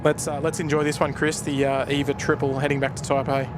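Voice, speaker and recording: Outdoors at an airport lookout, a plane-spotting Australian host chats loosely on his live stream and thanks the people watching. The voice is a little high with minimal pitch change, delivered at a quick pace over traffic and aircraft noise.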